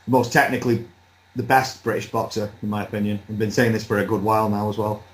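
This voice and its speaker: Low-voiced man giving relaxed opinions. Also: fast, poor audio. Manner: relaxed, rambling, with light laughs. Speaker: boxing pundit. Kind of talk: casual chat.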